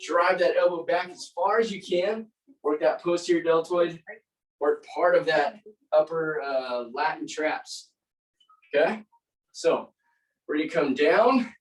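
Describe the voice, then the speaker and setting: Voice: medium pitch, unhurried, pauses often. An aerobics instructor leading a group workout, giving short encouraging commands and counting out repetitions. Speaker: aerobics and fitness class instructor. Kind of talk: live group workout coaching with counted reps. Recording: roomy echo, distant mic.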